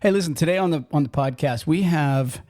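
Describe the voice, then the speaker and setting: A man's voice: fairly high pitch, a little fast, a little mellow. A man hosting a casual trucking podcast, talking in a folksy, rambling way with frequent restarts. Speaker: podcast host.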